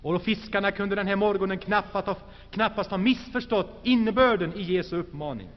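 High-voiced man preaching in a hall. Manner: earnest, swells then drops to hushed low tones. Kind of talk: sermon. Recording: dull, lo-fi recording with long hall reverb.

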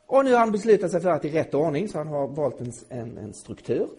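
A middle-aged man teaching a Bible lesson to a live audience, emphatic and at times rising to loud indignation. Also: fairly high pitch, very animated, breathy edge.

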